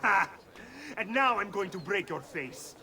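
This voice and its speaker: A man's voice: high-pitched, expressive, measured pace, bright, forceful tone, heavily acted. An actor playing an arrogant young Italian nobleman in a video game, boastful and mocking. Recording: game audio with crowd behind.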